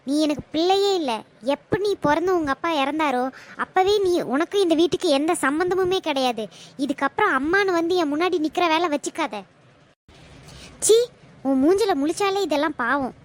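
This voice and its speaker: A woman's voice: very high voice, normal speed. A woman voicing a bitter widowed mother in a cartoon, scolding and scornful. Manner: scolding, contemptuous.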